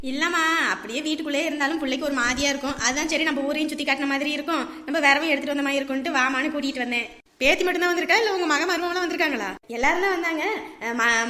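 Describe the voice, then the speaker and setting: A woman's voice: high-pitched, pushed and bright, roomy sound, in a large hall. A woman playing an outspoken elderly village grandmother in a comedy skit, scolding and protective with emphatic calls. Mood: chatty.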